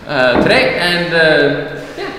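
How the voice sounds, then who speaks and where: A man's voice: a little high, takes it slowly, distant mic, noisy background. Chatty male host in an echoey hall. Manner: relaxed, chatty, with fillers and laughs. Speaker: event host and interviewer. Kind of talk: hosting a fireside chat. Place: university lecture hall before an audience. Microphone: far camera, seated on a desk. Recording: echoey hall heard from afar.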